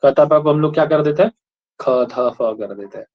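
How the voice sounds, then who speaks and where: A man's voice: fairly high pitch, moderate pace. A male teacher giving a classroom lecture, asking students questions again and again and checking that they follow. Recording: dull lo-fi recording.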